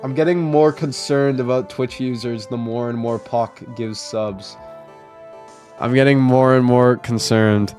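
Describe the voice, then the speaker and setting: A man's voice: medium pitch, steady tone, a little slow, darkish tone, soft background music. Young man, joking streamer commentary. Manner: joking, exasperated, slangy. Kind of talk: casual let's-play commentary.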